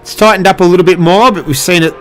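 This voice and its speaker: A man's voice: sits high, quick pace, a little hiss or hum. A man giving live, casual motorsport commentary in a conversational play-by-play manner.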